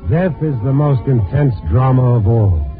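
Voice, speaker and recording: This 1950s radio noir drama features a man as both narrator and lead, playing a brooding, world-weary reporter who probes for answers in the first person. His voice is medium-pitched, measured, and close to an everyday voice, with music behind him on a tinny old recording.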